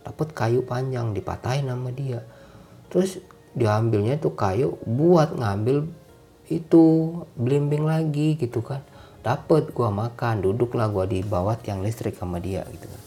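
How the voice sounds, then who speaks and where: A young man telling a casual, animated story in slang, acting out the dialogue. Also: medium pitch, measured pace, soft background music.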